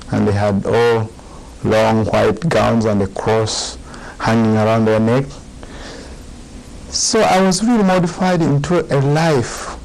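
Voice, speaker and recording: Slow, measured Ugandan-born monk. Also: male voice, lowish voice, low-quality recording. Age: 40s. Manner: calm and deliberate, with short pauses between phrases. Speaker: Buddhist monk. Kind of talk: slow, measured dharma talk.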